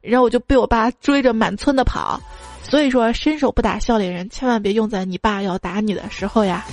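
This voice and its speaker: A woman hosts a comedy podcast, reading listeners' embarrassing childhood stories aloud. Her voice sits a little high, and she acts out the parents in the stories. Soft music plays quietly behind her. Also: a little fast. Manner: playful, laughing at her own material. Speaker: podcast host.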